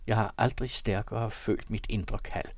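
A man's voice: on the low side, fairly even intonation, dry recording, close to an everyday voice. Wronged young mother, read by a man, impassioned, formal; close dry audiobook mic. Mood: solemn. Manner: earnest, impassioned, formal old-fashioned diction. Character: young unwed mother, wounded and proud. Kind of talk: audiobook reading of a classic novel.

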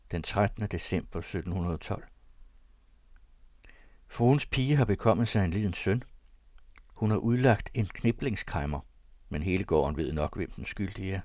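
A man with a fairly low voice reads an old diary aloud in the first person. His delivery is emotional, sinking into hushed confession and rising into agitated outbursts. The sound is dry and close. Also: lively intonation, pauses often, dry recording. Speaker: reader.

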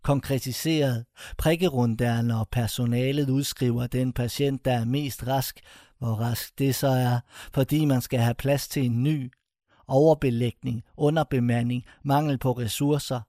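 A man reads a first-person short story aloud in a mellow, warm voice. The sound is dry and close, with no room around it. His telling is intense and bitter. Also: mid-range voice, fairly even intonation, no echo. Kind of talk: scripted first-person narration.

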